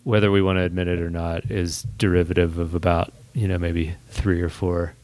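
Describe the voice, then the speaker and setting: A man in his thirties hosts a casual chat, rambling, hedging and correcting himself as he goes. His voice sits low and dark, with a flat, brisk delivery captured in a dry recording.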